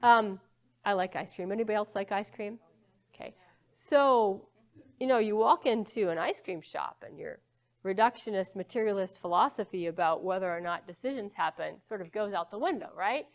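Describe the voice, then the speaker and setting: A woman's voice: medium pitch, normal speed. A woman physics professor giving a live lecture in a church hall, talking conversationally and often checking in with the audience. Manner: conversational, asks the audience questions, frequent okays.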